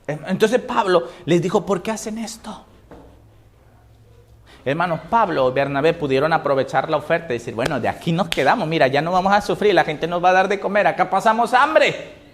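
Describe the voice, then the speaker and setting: High-voiced preaching man, call-and-response. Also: fairly quick. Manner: swings between raised emphatic reading and low, quiet asides. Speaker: pastor. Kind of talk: sermon.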